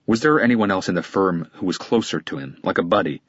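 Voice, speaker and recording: A man voicing a calm male police detective who asks steady, persistent questions. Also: low-pitched, brisk, slightly rough, dry recording, muffled recording. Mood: probing.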